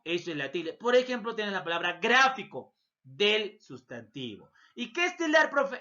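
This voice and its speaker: A man's voice: high-pitched, sharp tone. A male Peruvian Spanish-speaking language teacher giving a recorded grammar lesson, talking straight to his students and asking their questions for them. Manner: addresses students directly and voices their questions himself. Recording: dull lo-fi recording.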